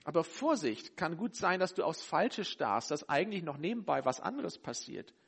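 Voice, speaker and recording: A man preaching a sermon, emphatic and direct, swinging between loud urgency and quiet intensity. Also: fairly high pitch, very animated, moderate pace, creaky, slightly rough.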